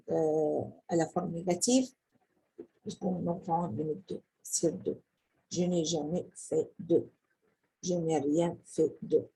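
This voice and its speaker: A woman teaching a French grammar lesson. She explains in casual dialect, with hesitations, and reads the French examples slowly and carefully. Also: lowish voice, dark tone, slightly rough, poor audio. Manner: frequent hesitations and restarts.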